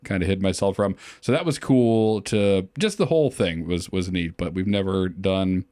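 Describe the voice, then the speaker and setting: A man co-hosting a casual podcast chat, jokey and quick to laugh. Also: deep voice, darkish tone, no room sound, clean studio sound. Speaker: podcast co-host.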